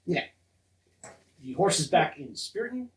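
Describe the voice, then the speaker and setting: A man's voice: on the high side, very animated, measured pace. A man serving as game master, narrating a tabletop game with descriptive, playful narration. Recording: roomy, distant mic.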